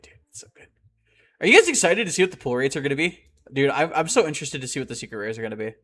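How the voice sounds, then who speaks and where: A young man streaming a game and chatting casually with his live chat, rambling and excitable and often laughing. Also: mid-range voice.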